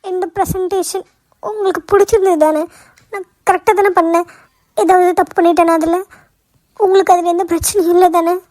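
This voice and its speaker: A woman's voice: sits high, fairly even intonation, normal speed, long pauses, a little mellow, no room sound, natural voice. A woman voicing a tearful, anxious young woman employee in a cartoon, pleading for reassurance. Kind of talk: cartoon voice acting.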